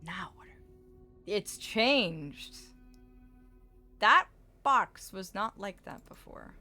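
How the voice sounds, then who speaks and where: Expressive, bright-voiced woman game streamer, excitable. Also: medium pitch, very slow, faint music behind. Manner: theatrically affectionate, addresses people as darling; startled, excitable horror game streamer, laughing. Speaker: game streamer hosting a livestream. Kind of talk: casual livestream chat while playing a puzzle game.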